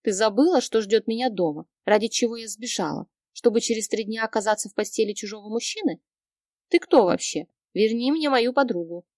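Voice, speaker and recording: A woman's voice: fairly high pitch, expressive, brisk, a little mellow, dry recording. Read by a woman, an upset young woman pleads, tearful and raised. She sounds hurt and lost, read as audiobook dialogue. The sound is close and dry. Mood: pleading.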